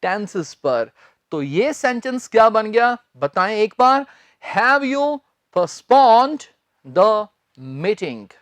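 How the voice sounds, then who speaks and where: A man teaching English grammar in a recorded lecture, speaking deliberately, spelling words letter by letter and repeating key phrases. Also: high-pitched, sing-song, fairly bright tone, dry recording.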